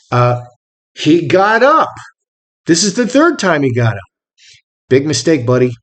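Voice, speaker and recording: A man tells a story in a casual monologue, his voice sitting a little high. He speaks with emphatic energy and keeps repeating short phrases for effect. When he quotes people, he breaks into sharp shouted bursts. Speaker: storyteller recounting a personal fight.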